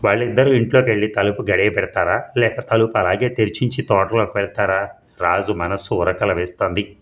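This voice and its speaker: A man's voice: on the low side, steady tone, fairly quick, a bit bright. A man narrating a suspense serial as an audiobook, reading steadily and briefly voicing the characters' lines.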